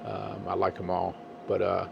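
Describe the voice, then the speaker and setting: Low gravelly man chatting about cigars. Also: little pitch movement, moderate pace, dull audio, slight background noise. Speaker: co-host of a cigar review show. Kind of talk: casual cigar review chat.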